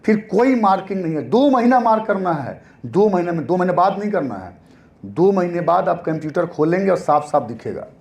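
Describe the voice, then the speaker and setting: A man's voice: sits high, sing-song, fairly quick, gravelly, darkish tone. A man teaching a trading lesson in a classroom style, repeating points and answering his own questions.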